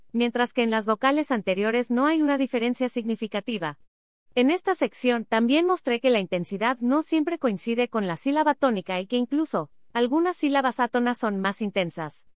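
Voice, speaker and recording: Female reader, slightly high voice, dry close sound, reads a dense academic paper literally. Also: no room sound. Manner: reads symbols, figure captions and abbreviations literally. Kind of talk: reading an academic paper aloud.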